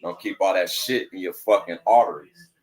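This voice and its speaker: A man's voice: deep voice, moderate pace, darkish tone. A man in his forties chatting casually on a live stream, telling stories in a laid-back, slangy way. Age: 40s.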